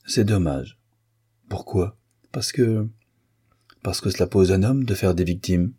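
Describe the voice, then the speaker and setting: Man voicing a coaxing ironic princess, worldly and seductive, lifted above his low husky voice, storybook reading. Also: unhurried. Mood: mocking. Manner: ironic, coaxing, softly mocking. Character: teasing, worldly seductive princess, adult woman.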